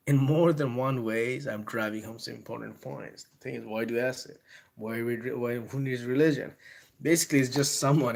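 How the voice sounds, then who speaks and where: This rambling Bengali-accented man from Bangladesh has a medium-pitched voice and laughs between thoughts. Reviewing a book on a casual livestream, he's irreverent, switching to a louder, declaiming voice to read passages aloud.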